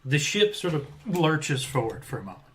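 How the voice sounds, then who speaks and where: A man's voice: a little high, very animated, normal speed, a bit bright, a little hiss or hum. A man narrating an improvised tabletop game as game master, searching for words as he goes.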